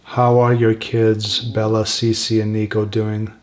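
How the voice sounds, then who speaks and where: A soft-spoken man hosting a spirit box session, asking gentle questions slowly and leaving pauses for an answer. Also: lowish voice, completely flat delivery. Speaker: paranormal investigator, host.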